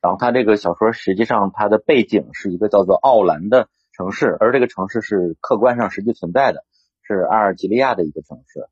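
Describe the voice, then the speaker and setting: A man hosting a live stream, asking questions and calmly explaining the background of a novel to listeners. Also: fairly low pitch, a little fast, slightly rough, dry recording. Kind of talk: conversational interview. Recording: dry, slightly dull sound.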